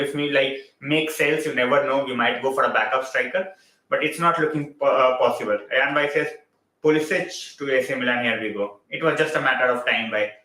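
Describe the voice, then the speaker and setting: Hosting a casual football live stream, a man with an Indian English accent and a medium-pitched, bright, forward voice chats freely and welcomes viewers by name. The room gives his voice a noticeable echo.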